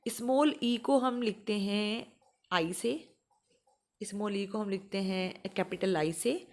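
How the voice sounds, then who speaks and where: A young woman teaching exam students, explaining and slowly repeating example words. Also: medium pitch. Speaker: English teacher for exam prep. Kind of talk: explanatory lesson.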